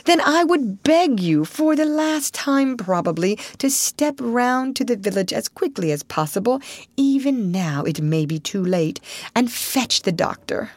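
A sly, self-pitying male toad sighs and fades through each line, as a woman puts him on, rising into high plaintive swoops. The voice is dry and close, with no room around it. A storybook figure playing at being gravely ill. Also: expressive, a little slow, no room sound. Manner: feeble, sighing, melodramatic.

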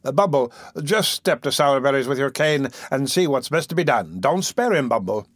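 A man voicing a hot-tempered, pompous older gentleman official in an audiobook. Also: medium pitch, lively intonation, normal speed, no echo, clean studio sound. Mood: patronizing.

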